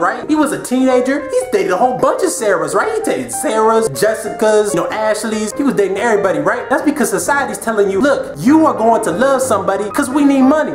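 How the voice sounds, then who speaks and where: A man giving a comedic vlog rant in slangy, animated street talk. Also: extremely high pitch. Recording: roomy with music behind.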